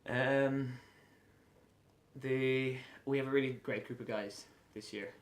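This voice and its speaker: A man in his late twenties with a west of Ireland accent, answering casually in an interview with frequent pauses. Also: medium pitch, steady tone. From Galway, west of Ireland. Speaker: lacrosse player being interviewed. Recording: echoey room with faint background noise.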